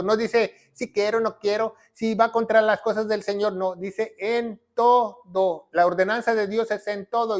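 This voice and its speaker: A man pastor delivering a teaching sermon at a whiteboard, emphatic, repeating key phrases and checking in with his listeners. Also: sits high.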